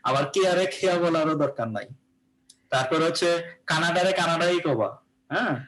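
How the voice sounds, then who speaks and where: A man's voice: a little high, a little fast, a bit bright, rough recording. A man with a Bangladeshi accent teaching English pronunciation in a live class, explaining patiently and often checking that students follow.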